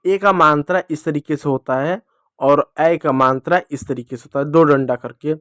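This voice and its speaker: A man with a slightly raised voice teaches children letter by letter, drawing out each sound slowly and repeating his own questions to them. The recording is dry and close, with no room echo. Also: a little high, fairly bright tone. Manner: slow, drawn-out sounding of letters. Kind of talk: children's reading lesson.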